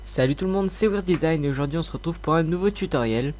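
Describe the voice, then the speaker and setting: A man with a stuffed-up nose from a slight cold, hosting a software tutorial in an informal, hesitant way. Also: fairly high pitch, fast talker, loud music behind the voice. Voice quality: congested, blocked-nose sound. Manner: informal, hesitant, mildly sweary. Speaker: tutorial host.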